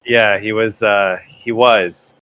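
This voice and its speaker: A man co-hosting a casual podcast chat, excitable and repeating his words. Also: lowish voice, slow pace. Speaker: podcast co-host.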